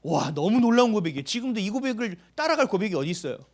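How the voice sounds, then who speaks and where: Man, pastor, sermon, high voice, lively swooping pitch, questions to the congregation, hushed asides. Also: rapid-fire. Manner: animated, asks the congregation questions and answers them; drops to a hushed near-whisper for emphasis.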